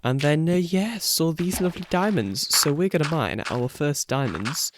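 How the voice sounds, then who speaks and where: With a fairly high voice, lively intonation and moderate pace, this young YouTuber rambles through a Let's Play, sounding groggy from the morning, frequently chuckling and fixing his own words. The background is noisy, with faint music playing.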